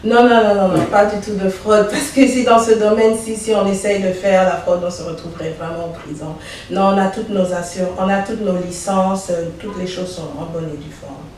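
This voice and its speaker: A woman's voice: mid-range voice, fairly even intonation, fairly quick, hardly any pauses, a little mellow. Distant, echoey woman answering questions. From Belgium. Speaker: dentist, interview guest. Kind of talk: interview answers. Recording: echoey room, voice from far off, faint noise.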